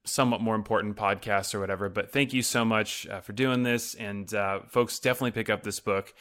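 A man's voice: lowish voice, fairly even intonation, fairly quick, a bit bright. A man in his thirties hosting a podcast, asking long, rambling questions full of fillers. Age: 30s. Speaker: podcast host. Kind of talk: casual podcast interview.

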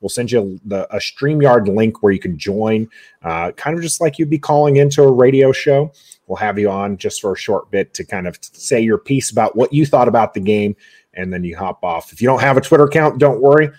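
A man's voice: lowish voice, animated, brisk, darkish tone. A man hosting a casual sports talk show, chatty and rambling with fillers. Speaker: podcast host.

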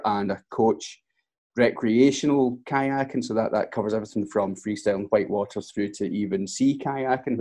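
A man's voice: fairly low pitch, darkish tone. A middle-aged man with a broad Scottish accent, chatting casually as an interview guest. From Scotland. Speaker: interview guest, scientist and kayaking coach.

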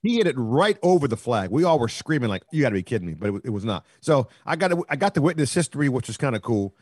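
A man co-hosting a sports talk show, telling a long rambling story that swells into excited, louder bursts. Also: mid-range voice, fast, breathy edge, dry recording, clean studio sound. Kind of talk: casual sports chat.

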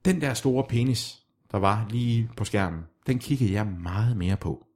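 A man playing a self-styled sexologist in a comedy chat, deadpan and hesitant, stumbling over repeated words. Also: lowish voice. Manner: hesitant, halting with many restarts.

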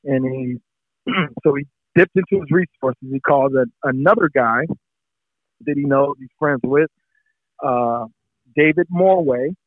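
A man's voice: mid-range voice, a little slow, pauses often, no echo. A middle-aged man, a former pro football player, telling stories in a casual interview and acting out the people in them. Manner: animated, acts out the people in his story. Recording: tinny phone-like line, dry.

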